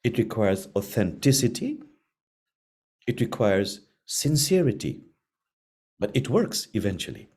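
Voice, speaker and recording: A middle-aged man teaching a spiritual class, speaking slowly and earnestly with repeated phrases and long pauses. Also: lowish voice, big pitch swings, a little mellow, breathy edge. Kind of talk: gentle spiritual class talk.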